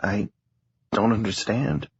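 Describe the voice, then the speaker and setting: A male narrator voicing a nervous, tongue-tied young man who speaks haltingly. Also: fairly low pitch, lively intonation, breathy edge, dry recording, pitched above the performer's own voice, heavily acted. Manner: hesitant, halting. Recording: dull lo-fi audio.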